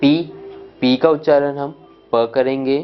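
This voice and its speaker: A man teaching spoken English in a slow explanatory lesson, going over letters and their sounds one at a time. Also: medium pitch, steady tone. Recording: dull lo-fi sound with faint music.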